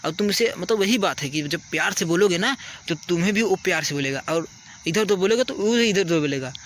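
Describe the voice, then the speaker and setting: Outdoors at night, a male teacher casually advises children in an earnest, repetitive manner, checking their understanding by repeating "ठीक है." His voice is high-pitched and a bit bright, and there's a little hiss or hum.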